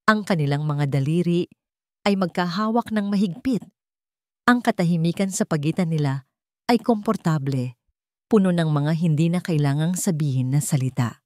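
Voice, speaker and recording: Her voice sits lowish and a little dark, moving at a moderate pace with lively intonation as she tells a scripted romance story. She is a Filipino woman narrating for an online story channel in an earnest, sentimental way. There's no room sound, and the quality is studio-grade.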